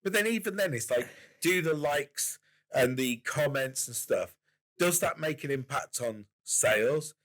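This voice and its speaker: A man's voice: a little high, lively intonation, a little slow, a bit bright. A man co-hosting a podcast in casual chat, musing aloud with a lot of hedging and wry humor. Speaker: podcast co-host.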